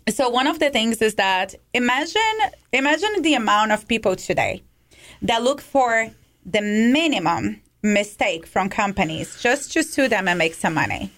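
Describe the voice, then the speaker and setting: A woman's voice: fairly high pitch, animated, normal speed, a bit bright. A woman with a slight non-native accent, a cybersecurity company head, speaking as a guest on a radio show in a casual style full of fillers. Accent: non-native English accent. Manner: casual, many fillers like "you know, like". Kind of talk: radio interview.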